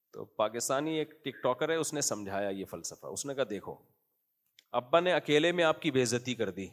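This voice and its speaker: Joking male preacher, loose chatty sermon. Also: medium pitch. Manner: joking, conversational storytelling. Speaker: Islamic preacher. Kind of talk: humorous sermon.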